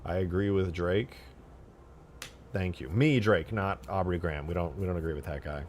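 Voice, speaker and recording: A young man streaming from home, ranting in casual chat, swinging from mutters to loud outbursts and cursing a lot. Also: sits low, moderate pace, a little hiss or hum.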